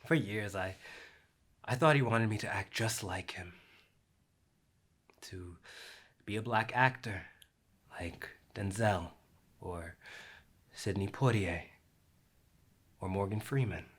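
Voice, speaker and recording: A young man performing a reflective theatrical monologue, slow and measured, sinking at times to a near whisper. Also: on the low side, a bit bright.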